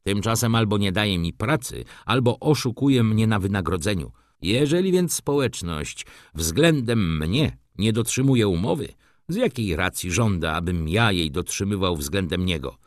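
A man voicing a hot-tempered, indignant young male student who rants and shouts in an audiobook reading. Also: fairly low pitch, lively intonation, normal speed, no room sound, clean studio sound, lightly acted. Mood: ranting. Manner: shouting, ranting, exclaiming.

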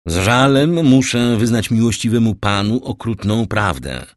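A man's voice: on the low side, expressive, a little slow, dry recording, studio quality, voice pushed up. A man voicing a deferential male magistrate who speaks earnestly and respectfully to the king. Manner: bowing, deferential.

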